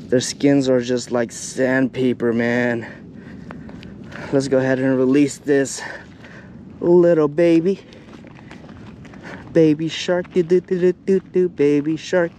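A man's voice: mid-range voice, a little mellow. A man in his thirties giving casual vlog commentary on his fishing trip, laid-back and chatty with lots of fillers, recorded outdoors on a shoreline with an action camera. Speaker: fishing vlogger. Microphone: action camera, hand-held or chest-mounted. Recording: faint outdoor noise.

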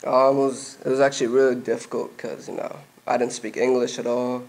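Young man with a gravelly voice, Arabic native. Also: medium pitch, brisk. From Egypt. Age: young adult. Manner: relaxed, hesitant, many fillers. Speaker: guest, soccer player. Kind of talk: casual interview. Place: indoor gym studio with jerseys on the wall.

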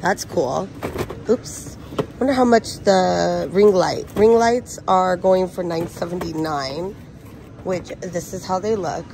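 A woman with a fairly low speaking voice talks to a handheld phone while she shops. She chats in a friendly, enthusiastic way about deals. Store noise comes through clearly behind her. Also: slow. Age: adult with a son. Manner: chatty, enthusiastic about bargains. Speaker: shopping vlogger. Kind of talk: casual shop-with-me narration. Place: indoors in a discount supermarket aisle. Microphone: handheld phone camera.

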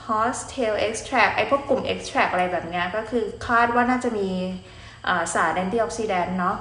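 A woman's voice: medium pitch, a little slow, fairly bright tone. A woman doctor hosting her channel, explaining skin and hair care in a chatty, polite way. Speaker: dermatologist host. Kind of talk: casual explainer talk. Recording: roomy echo, faint noise.

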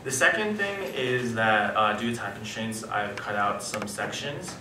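A young man gives a formal academic presentation in a low voice, a little winded from altitude sickness. He is recorded from across an echoey conference room, with noise behind him. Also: animated, measured pace. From New York. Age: young adult. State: slightly breathless from altitude sickness. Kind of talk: reading a prepared academic paper. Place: wood-panelled conference room, indoors. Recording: echoey room, distant mic, background noise.

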